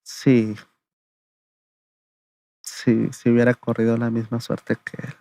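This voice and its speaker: With studio-quality sound and no room tone, a man speaks slowly in a mid-range voice as an interview guest. He recounts his testimony in a gravelly, flat, conversational manner, frequently adding "le digo" and "¿verdad?".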